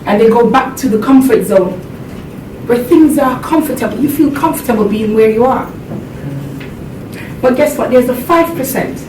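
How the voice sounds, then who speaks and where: A Jamaican motivational speaker gives an earnest seminar talk at normal speed, laughing along with her audience. The seminar room echoes like a hall, and the distant mic picks up background rumble.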